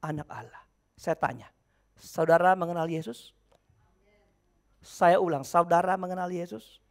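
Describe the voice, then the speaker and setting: A male pastor preaching a sermon. He asks his congregation questions, answers them himself, and breaks into shouts between quiet asides. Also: sits high, a little slow.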